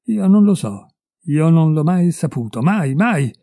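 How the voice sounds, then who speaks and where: A man's voice: a little high, sing-song, a little slow, warm tone, no echo, studio quality, voice pushed up, exaggerated voice. A man doing a furious betrayed husband. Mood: furious, accusing. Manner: raised, heated and accusing. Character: wronged middle-aged husband, bitter and furious.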